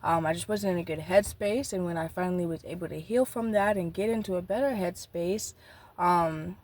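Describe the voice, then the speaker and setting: A woman's voice: on the low side, darkish tone. Rambling reflective nineteen-year-old woman. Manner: rambling, reflective, halting with many restarts. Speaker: vlogger. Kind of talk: unplanned spoken journaling. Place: outdoors next to a busy street.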